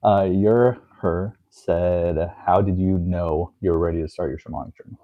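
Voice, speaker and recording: A man's voice: low-pitched, fairly even intonation, normal speed, narrow, tinny audio. A man co-hosting a live stream, reading viewer questions aloud and laughing a lot. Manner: reads chat comments aloud, laughs a lot. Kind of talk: casual live-stream chat.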